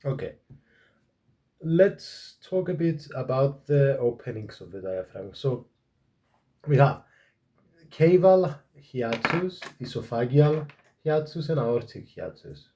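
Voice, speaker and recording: A man's voice: medium pitch, expressive, slow, pauses often, background noise. A man hosting a casual study chat. He talks hesitantly, restarts his sentences and teases his partner. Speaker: student and podcast host.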